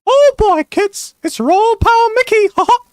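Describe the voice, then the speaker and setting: A man voicing a squeaky cartoon mouse parodied as a greedy corporate boss, with a shrill falsetto and cackling laughs. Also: lively intonation, normal speed, no room sound, studio quality. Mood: gleeful menacing. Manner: gleeful, mocking, menacing.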